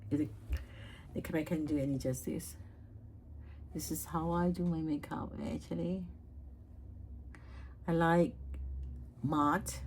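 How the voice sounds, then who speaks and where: A woman's voice: low-pitched, darkish tone, slight background noise, poor audio. A woman vlogger chatting casually about makeup, rambling with lots of fillers and restarts. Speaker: beauty vlogger.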